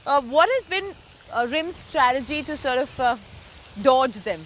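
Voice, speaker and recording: Indian lady host asking questions, a bit high voice, light hiss behind. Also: lively intonation, a little slow, a bit bright, low-quality recording. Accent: Indian English. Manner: inquisitive, conversational. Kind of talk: business talk show interview.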